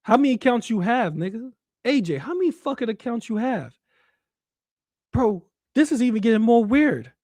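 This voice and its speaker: A woman's voice: on the high side, animated, moderate pace, warm tone, no echo. A woman giving casual livestream commentary, blunt, incredulous and emphatic, with plenty of swearing.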